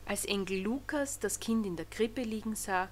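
A woman reading a Christmas storybook aloud in an expressive storytelling manner. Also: medium pitch, moderate pace, a little hiss or hum. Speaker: narrator.

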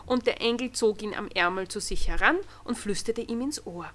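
A woman reading a Christmas storybook aloud in an expressive storytelling manner. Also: medium pitch, normal speed. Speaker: narrator.

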